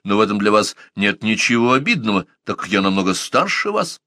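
A man voices a composed, polite old inventor in an audiobook story. He speaks calmly and with weight, and his intonation rises and falls a lot. The sound is dry and close. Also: fairly low pitch, a little fast, no room sound. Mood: courteous. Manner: calm, courteous, weighty delivery.

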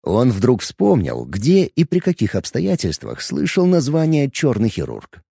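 A male audiobook narrator with a gravelly, dark voice that swings widely in pitch as he tells the story. The recording is dry and close, with no room sound. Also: huge pitch swings, unhurried, no echo. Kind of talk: scripted narration.

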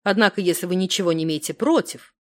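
Courteous London gentleman, read by a woman. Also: lowish voice, fast talker, close to an everyday voice. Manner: polite, gallant.

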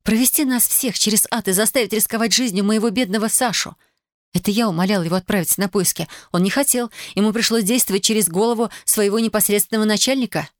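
A reader voicing a sharp-tongued young woman who snaps at her family in an audiobook. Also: mid-range voice, dry recording, studio quality, pitched above the performer's own voice, lightly acted. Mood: indignant. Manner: snappish, quick.

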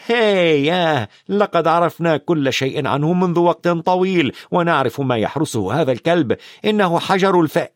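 A man voicing an eager young boy wizard who talks in a lively, animated way in a storybook reading. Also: on the high side, fairly quick, no echo, clean studio sound, pitched above the performer's own voice, close to an everyday voice.

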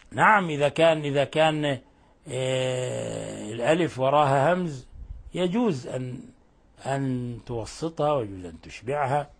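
A man with a high-pitched voice teaches the rules of Quran recitation. He explains patiently and often goes back to repeat or correct a phrase as he lays out each rule. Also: creaky. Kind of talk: tajweed lesson.

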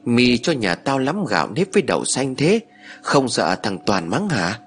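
A man voicing an earnest young wife who pleads and frets, as an audiobook narrator with a husky voice. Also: mid-range voice, sing-song, normal speed. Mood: worried.

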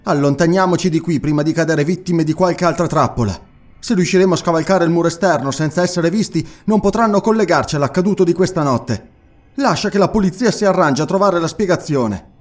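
A man's voice: a little high, a little fast, pitched above the performer's own voice, lightly acted. A man voicing an anxious young aristocrat in an audiobook, speaking urgently. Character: young nervous male aristocrat.

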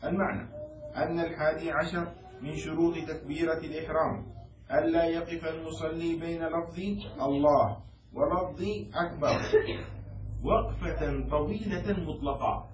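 A man's voice: on the high side, level tone, moderate pace. A man teaching Islamic law to a class, explaining a text and often checking that his students follow. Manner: quizzes students and has them repeat words. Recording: echoey room, distant mic, faint noise.

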